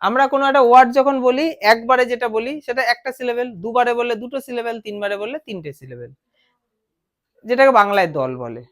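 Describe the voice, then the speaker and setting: A woman's voice: on the high side, expressive, quick pace. A woman with a Bengali accent teaching a grammar lesson, explaining step by step and asking her students questions. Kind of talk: classroom lesson.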